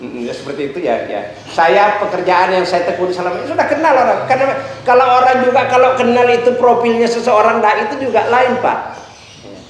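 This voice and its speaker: Middle-aged man with a lilt and a high voice, a chatty, joking ustadz lecturing on preaching, booming echo. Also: a little fast. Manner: chatty, joking, acts out examples with shifting pitch. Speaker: ustadz teaching a class on preaching. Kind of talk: casual lecture with jokes and asides. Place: large echoey hall. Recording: very echoey room recording, faint noise.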